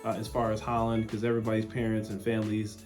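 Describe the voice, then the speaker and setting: A man's voice: on the low side, monotone, fast talker, darkish tone, faint music behind. A man from West Michigan, the host of a local relocation channel, talking casually and upbeat to camera. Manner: chatty, upbeat, informal. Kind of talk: casual vlog talk to camera.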